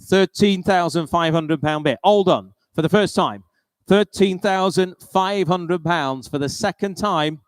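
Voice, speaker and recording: A British auctioneer, speaking a little slowly, works a live sale and repeats each bid figure in practised patter. His voice is smooth, clear and slightly high for a man. The sound is close-up and dry, with no room echo at all.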